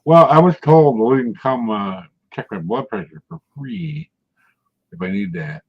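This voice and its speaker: An animated man in his sixties takes his time, his mid-range voice creaky and slightly rough. He rambles on in casual storytelling, often breaking into chuckles, and the audio is muffled and lo-fi.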